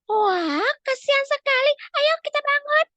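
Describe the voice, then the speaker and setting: A woman voicing an earnest little schoolgirl in a storytelling session for children, in a squeaky childlike voice. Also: animated, measured pace, pushed and bright, no echo, heavily acted. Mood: caring. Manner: earnest, chatty, talks to the young audience.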